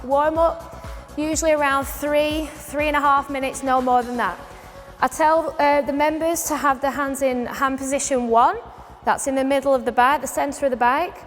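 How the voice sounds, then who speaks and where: A woman's voice: high-pitched, steady tone, moderate pace. A woman spin instructor informally explaining a bike demonstration step by step. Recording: echoey hall with music behind.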